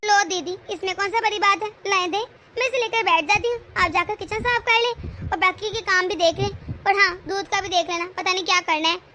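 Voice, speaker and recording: A woman's voice: very high-pitched, steady tone, fairly quick, pushed and bright. A woman voicing a grumbling scheming daughter-in-law. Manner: grumbling, complaining. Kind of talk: cartoon family drama voicing.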